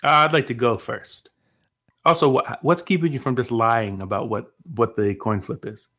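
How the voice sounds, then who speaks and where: A man's voice: medium pitch, expressive, normal speed, bright, forceful tone. A man from Massachusetts co-hosting a casual sports podcast, playful and joking as he runs a quiz. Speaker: podcast co-host.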